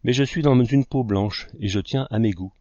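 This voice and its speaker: A man's voice: mid-range voice, moderate pace, mellow, no room sound, dull audio, close to an everyday voice. A man reading as a fussy young artist. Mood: protesting. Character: young male artist, talkative, fussy eater.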